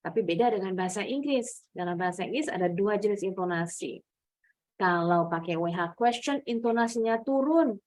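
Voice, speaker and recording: A woman's voice: mid-range voice, animated, moderate pace, darkish tone. A woman teacher running an online class for children, explaining step by step and exaggerating the rise and fall of her voice to show examples. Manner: patient, explains step by step with exaggerated rising and falling demos. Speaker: English teacher.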